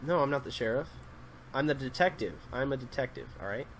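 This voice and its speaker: Talking fast and animatedly at medium pitch, a young channel host plays Minecraft and improvises the part of an exasperated, bossy detective. His casual let's-play chat is heavy with ums and uhs, and a faint hiss or hum is audible.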